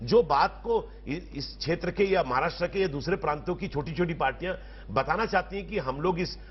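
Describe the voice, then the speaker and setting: A man with a fairly high voice makes his case as a panelist in a televised debate. He drives his points home forcefully in long, rhetorical sentences. The broadcast audio sounds somewhat dull. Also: fairly quick, slight background noise. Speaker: political panelist.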